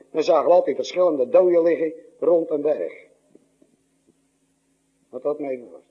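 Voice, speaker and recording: A male preacher delivering a sermon, swinging between loud exclamations and hushed low asides, with a husky voice. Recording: dull lo-fi recording.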